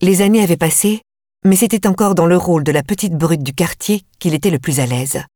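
A woman reading a first-person audiobook in a measured, tense way. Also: lowish voice, dark tone, dry recording, clean studio sound. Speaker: audiobook narrator.

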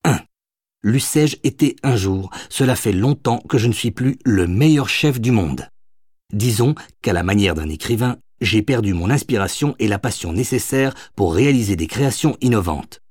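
A man voicing a grumpy, gruff middle-aged chef in an audiobook, reading his letter in a dry, formal, curt way. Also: on the low side, lively intonation, moderate pace, a little mellow, no echo.

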